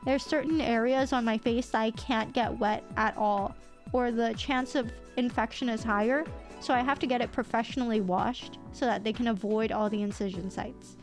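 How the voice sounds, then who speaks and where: A young woman chats through a live stream in a rambling, self-teasing way. Her voice sits a little high and somewhat nasal, with a slight lisp and a hint of a cold. Soft music plays faintly behind her. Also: fairly even intonation, moderate pace. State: a little sick. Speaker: VTuber streamer. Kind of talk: casual live-stream chat.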